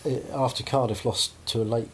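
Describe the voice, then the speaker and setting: A man's voice: medium pitch, fairly even intonation, brisk, a little hiss or hum. A man hosting a casual podcast chat, hedging often and ending points with tag questions.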